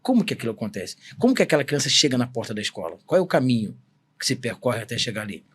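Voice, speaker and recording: A man's voice: mid-range voice, big pitch swings, racing, breathy edge. A man in his forties from Brazil, a samba singer telling a personal story in a podcast interview, earnest and emphatic. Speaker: guest, samba singer-songwriter.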